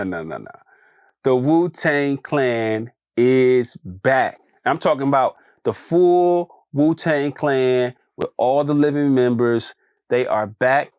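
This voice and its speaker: A podcast host with a mid-range voice shares his opinions in a loose, conversational solo commentary. He repeats phrases and keeps checking in with listeners, often saying "you know what I'm saying". The sound is dry and close-miked, with no room around it.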